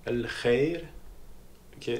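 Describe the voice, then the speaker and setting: A man's voice: mid-range voice, extremely slow, darkish tone. A man teaching a casual spoken language lesson, hesitant, repeating his words and often checking in with "ok?". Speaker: Moroccan Arabic teacher. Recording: echoey room with faint noise.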